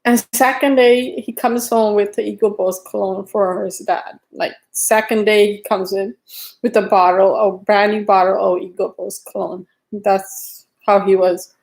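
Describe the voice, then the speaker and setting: A middle-aged woman chatting casually on a livestream, greeting viewers by name and talking haltingly with restarts. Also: medium pitch, steady tone, gravelly, a little mellow, poor audio. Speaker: livestream host.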